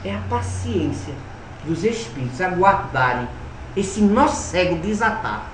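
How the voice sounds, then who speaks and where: A man delivers a spiritist lecture as a lively, humorous storyteller. His pitch leaps up and down expressively. He sounds some way off from the mic, in a roomy, echoing hall with faint ambience behind him. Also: a little slow, far from the mic, slight background noise. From Alagoas, Brazil. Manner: animated, humorous storyteller with dramatic swings in loudness. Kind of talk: spiritist lecture with personal anecdotes.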